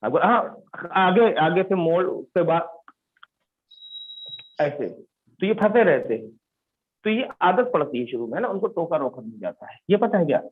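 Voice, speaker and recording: A man's voice: sits high, big pitch swings, normal speed, pauses often, slightly rough. A man teaching an English class, telling stories and quizzing his students, repeating the key words. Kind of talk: classroom lesson with storytelling. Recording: tinny phone-like online class audio.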